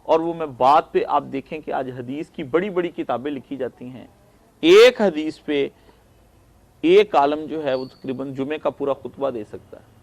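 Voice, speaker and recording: A man's voice: fairly high pitch, creaky. A man from Pakistan, giving a conversational Islamic lecture and checking in with his listeners. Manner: conversational storytelling lecture, asks listeners "right?". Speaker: religious lecturer.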